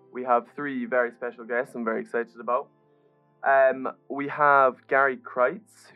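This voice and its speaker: A man hosting a podcast panel, speaking in a friendly conversational way. His voice sits in a middle range. The audio is muffled and lo-fi, with faint music behind him. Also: medium pitch. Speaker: podcast host. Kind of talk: casual panel discussion.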